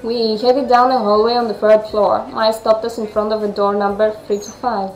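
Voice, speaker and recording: A Greek woman speaking non-native English with a Greek accent reads a visual novel aloud and chats about it as she plays. Her voice is on the high side, a little mellow and fairly flat in pitch, at normal speed. The rough recording sounds roomy, with soft background music.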